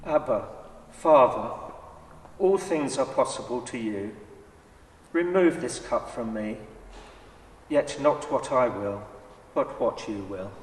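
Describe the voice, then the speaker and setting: A man playing Jesus as a solemn, measured, authoritative teacher in a dramatised church scripture reading. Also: mid-range voice, animated, slight background noise. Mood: sorrowful. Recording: echoey church hall, far from mic.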